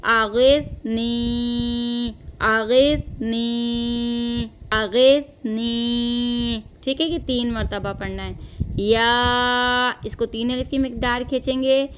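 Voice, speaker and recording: A woman teaching recitation as a patient, corrective teacher, chanting slow phrases and then explaining each one. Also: fairly high pitch, steady tone, a bit bright, slight background noise. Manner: patient, corrective, says "theek hai" often.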